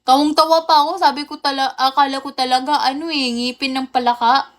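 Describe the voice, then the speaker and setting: A woman's voice: sits high, level tone, a little fast. A young woman hosting a casual livestream, chatting with viewers, greeting them by name and laughing often. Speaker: livestream host. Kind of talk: casual live chat with viewers.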